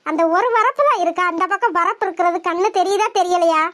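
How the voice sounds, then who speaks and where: A woman's voice: very high-pitched, fast, a bit bright, voice pushed down. A woman voicing a modest young village woman in a cartoon, talking in a nagging, exasperated way. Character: meek but scolding young village woman. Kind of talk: cartoon voice acting.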